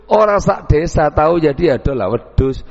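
A man's voice: a little high, lively intonation, moderate pace, vocal fry, darkish tone. A man giving a dawn sermon, telling folksy stories and acting out village conversations. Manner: folksy storytelling, acts out village dialogues. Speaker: preacher. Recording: echoey hall, dull lo-fi sound.

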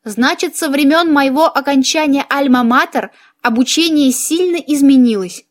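A woman reading an audiobook, voicing a polite, ironic male elf commander in a measured way. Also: high voice, lightly acted. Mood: surprised.

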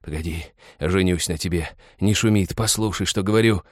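A furtive bearded wanderer pleads in a hushed, low whisper, as a male narrator plays him. The reading is dry and close, with a deep voice. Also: brisk, no echo, lightly acted.

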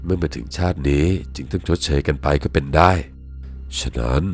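Very deep-voiced man reading a story. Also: brisk. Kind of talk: scripted first-person ghost story narration. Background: faint music.

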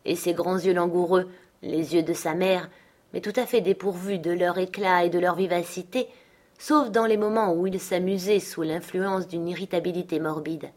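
A woman narrating a novel aloud in a steady, measured reading style. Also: fairly low pitch. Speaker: audiobook reader. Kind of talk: scripted narration.

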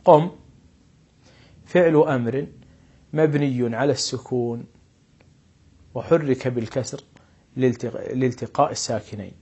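Husky-voiced man teaching grammar. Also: mid-range voice. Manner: explanatory, stresses quoted examples slowly and loudly. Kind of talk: classroom grammar lesson.

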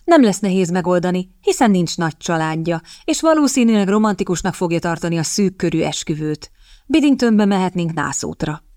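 A woman voicing a determined, impatient young elder sister who talks briskly and with exasperation. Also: fairly low pitch, animated, dark tone, dry recording, studio quality, natural voice.

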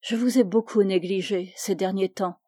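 A woman's voice: mid-range voice, steady tone, moderate pace, dark tone, no echo, studio quality, lightly acted. A woman reading the part of a young man, a remorseful, pleading lover, in a storybook reading. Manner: pleading, self-reproaching.

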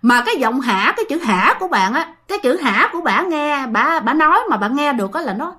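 A woman's voice: high voice, sing-song, brisk, bright, forceful tone. A woman telling ghost stories in a chatty way, talking straight to her listeners with many fillers. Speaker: ghost story narrator. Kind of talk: casual storytelling.

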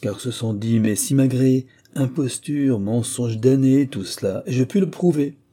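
A swaggering country squire, voiced by a male reader, reels off mock-learned arguments with brisk, teasing confidence. The voice sits higher than the reader's own and carries a dark, husky grain. It comes from a storybook reading. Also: natural voice. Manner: brisk, showy pseudo-learned bluster. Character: boastful, mocking country squire, male adult. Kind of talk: audiobook character reading.

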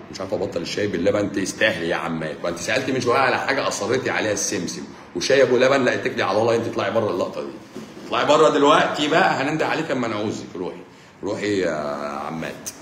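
A man with an Egyptian accent answers viewers' questions on a live stream as a doctor. He teases and jokes in a very low voice and rattles along quickly. The room around him echoes, with a faint hum behind. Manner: joking, teasing, brisk. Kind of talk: casual live-stream Q&A reading comments. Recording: roomy echo, faint background hum.

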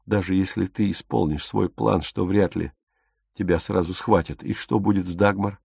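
A man voicing a young man, a calm older brother who argues firmly and reasonably, in an audiobook. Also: sits low, normal speed, vocal fry, husky, no room sound, clean studio sound, exaggerated voice. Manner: firm, reasoning.

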